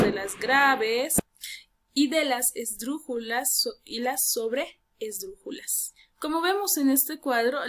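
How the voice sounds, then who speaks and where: Woman teacher with a Peruvian Spanish accent, slightly high, patient step-by-step video lesson delivery. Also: a bit bright. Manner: patient, explains step by step to students.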